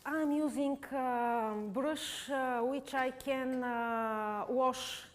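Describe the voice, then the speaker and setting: A Bulgarian woman painter with a Bulgarian accent and Bulgarian as her first language, demonstrating live before an audience. She speaks in halting, simple English with many pauses. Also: high voice, steady tone. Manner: halting non-native English with frequent uh pauses.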